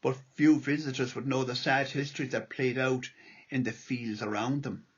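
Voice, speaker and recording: A man's voice: mid-range voice, fairly even intonation, moderate pace, slightly rough, muffled recording. An Irish man reading a prepared lecture aloud as a local history speaker.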